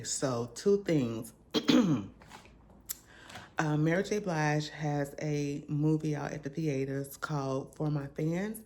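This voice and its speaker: A woman hosting her vlog from home in a relaxed, chatty, slangy way, still in her groggy morning voice. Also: low-pitched, slight background noise. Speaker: vlogger host. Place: at home, indoors.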